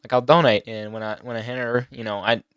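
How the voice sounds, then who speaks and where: A teenage boy talking on his own channel, emotional and halting, near tears at times. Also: medium pitch, steady tone, a bit bright, smooth, no room sound. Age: teens. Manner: emotional, halting with many fillers and restarts. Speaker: YouTuber. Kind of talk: personal vlog talk.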